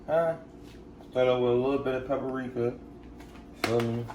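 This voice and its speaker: Cooking for his family at home, this young vlogger chats casually in the kitchen, slangy and relaxed, frequently tossing in "you feel me?" His mid-range, slightly mellow voice keeps a fairly even intonation at a moderate pace. The mic is far off, so the sound is reverberant with slight background noise.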